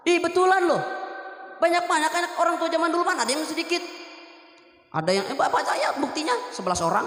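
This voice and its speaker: Bright high-voiced young preacher. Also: male voice. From Lampung, Indonesia. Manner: lively, acts out voices, quizzes the audience. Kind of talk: Maulid storytelling sermon. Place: religious foundation event hall. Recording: echoey hall with long reverb.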